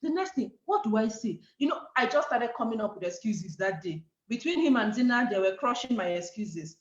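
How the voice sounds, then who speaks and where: A middle-aged Nigerian woman with a Nigerian accent tells her story as a guest speaker in storytelling mode, acting out the quoted dialogue with animation. Her voice sits on the high side and moves fairly quickly. The online call audio sounds echoey and dull.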